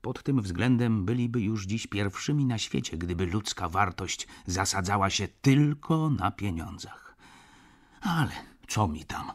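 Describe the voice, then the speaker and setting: A male audiobook narrator with a low, husky voice. He reads a first-person account in a measured, reflective way. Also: expressive. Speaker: audiobook reader.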